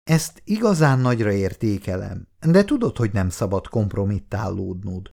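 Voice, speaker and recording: A man reading an audiobook voices an easygoing man who talks in a gentle, coaxing way. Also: lowish voice, very animated, vocal fry, full character voice.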